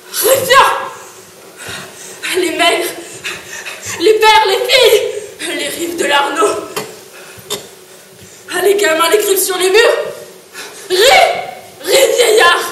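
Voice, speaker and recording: A brooding, vengeful young nobleman raves on a theatre stage, played by a young woman. The voice is very high and bright and drawn out slowly, with fury giving way to hushed delirium. Captured from far off, it rings through a large, echoing hall. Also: a little hiss or hum, exaggerated voice. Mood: delirious. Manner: shouting in rage, then hushed and delirious. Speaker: student stage actor. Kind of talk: stage play performance. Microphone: distant room mic. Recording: echoey stage heard from far off.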